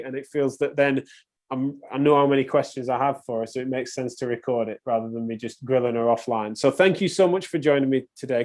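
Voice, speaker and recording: Enthusiastic male podcast host. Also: medium pitch. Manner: hesitant restarts, warm enthusiasm. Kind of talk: interview hosting.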